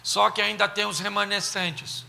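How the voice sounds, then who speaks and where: A man with a Brazilian accent preaching a humorous sermon, animated and playful, sometimes shouting. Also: high voice, normal speed, gravelly. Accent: Brazilian Portuguese. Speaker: pastor. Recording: long reverb of a church hall.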